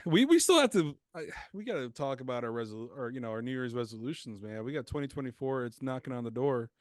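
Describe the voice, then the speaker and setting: A man's voice: medium pitch, animated, quick pace, dry recording, clean studio sound. A man co-hosting a podcast, joking through casual crude banter and laughing often. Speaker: podcast co-host.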